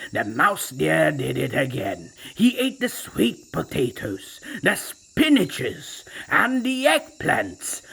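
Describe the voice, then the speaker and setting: Over loud music, a man with a slightly high voice and vocal fry narrates a storybook in the role of a proud, magical ancient male tiger, sounding theatrical and self-satisfied.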